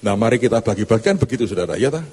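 Husky-voiced preacher. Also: male voice, very fast. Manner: animated, humorous storytelling with sudden rises in pitch. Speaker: pastor. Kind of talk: sermon.

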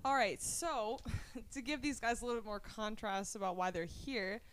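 A woman's voice: a little high, steady tone, moderate pace, a little hiss or hum. A young woman from Minnesota hosting a casual podcast, upbeat and steering the conversation. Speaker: podcast host. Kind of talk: casual chat.

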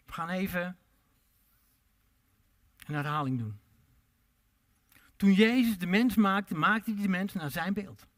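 A man preaching a sermon, swinging between loud emphatic calls and quiet low asides, and drawing out his words when he quotes scripture. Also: animated. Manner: drawn-out pleading delivery when quoting scripture.

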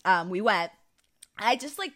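A woman co-hosting a podcast, chatting casually in a lively, giggly way. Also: medium pitch, measured pace. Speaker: podcast co-host. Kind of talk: casual chat.

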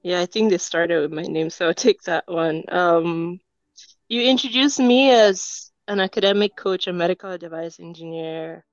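Woman guest from Cameroon, lowish voice, earnest and composed, dull dry recording. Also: normal speed, dry recording. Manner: earnest, composed, speaks in lists. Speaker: guest, engineer and academic coach. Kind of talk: interview answers.

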